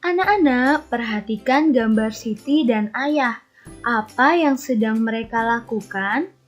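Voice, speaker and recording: A woman's voice: fairly high pitch, measured pace. A woman primary school teacher giving an online lesson to young children, encouraging them and asking them to pay attention. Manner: encouraging, addresses children directly, tag "ya". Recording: lo-fi recording with faint music.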